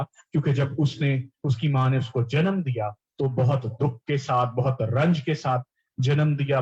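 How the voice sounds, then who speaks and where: A man's voice: medium pitch, darkish tone, husky, muffled recording. A man preaching a sermon, explaining scripture and repeating key words, often mixing English terms into his teaching.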